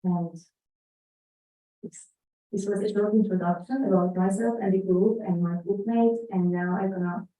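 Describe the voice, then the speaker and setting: A woman's voice: mid-range voice, steady tone, moderate pace, warm tone. A young woman with an Iranian accent giving a hesitant conference talk, full of fillers and restarts, partly reading a statement aloud. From Iran. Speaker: conference speaker. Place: conference room. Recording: echoey hall, distant dull mic.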